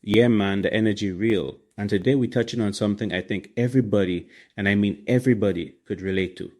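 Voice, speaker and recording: A Trinidadian man with a fairly low voice hosts a relaxed podcast. His accent is clear in his island slang and grammar as he gives casual, motivational talk. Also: fast. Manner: colloquial, Caribbean slang and grammar. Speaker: podcast host.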